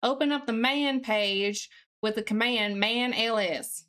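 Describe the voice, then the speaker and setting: A woman live streamer chats casually and reads aloud in an exaggerated, put-on deep Southern US accent, playful and folksy. She speaks a little slowly, with a fairly bright tone.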